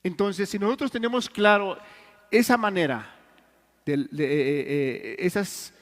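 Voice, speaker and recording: A man preaching a sermon in Mexican Spanish, telling stories earnestly and swinging between loud and hushed. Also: sits high, unhurried. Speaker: pastor. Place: church hall. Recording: long church reverb.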